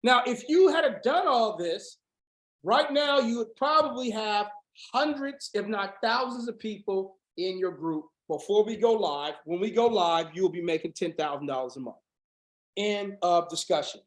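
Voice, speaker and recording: Hoarse, fiery preaching man coach. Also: high-pitched, lively intonation, normal speed, roomy sound. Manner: fiery preaching, rising to shouts. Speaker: business coach. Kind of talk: motivational sales training on a video call.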